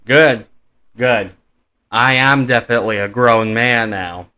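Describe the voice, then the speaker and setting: Bright-voiced young man rambling. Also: medium pitch, a little slow, clear, resonant tone. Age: 20s. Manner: rambling with many fillers. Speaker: reaction video host. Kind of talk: casual chat.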